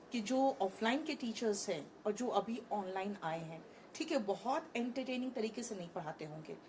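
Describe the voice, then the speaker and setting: A woman's voice: mid-range voice, a little mellow, slight background noise. A woman in her thirties, an online English teacher, talking frankly and animatedly in an interview on a conference stage, mixing Hindi with English.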